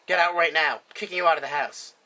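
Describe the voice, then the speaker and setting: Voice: steady tone, quick pace, natural voice. A storyteller voicing a stern, short-tempered father. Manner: menacing low questions, then yelling. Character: volatile, violent father.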